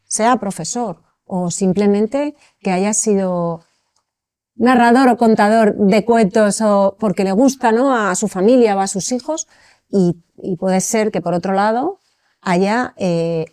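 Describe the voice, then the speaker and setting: A woman's voice: medium pitch, slow, mellow, dry recording, clean studio sound. A woman hosting an interview, asking long questions with frequent hesitations. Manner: hesitant, many fillers, builds long questions. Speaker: interview host.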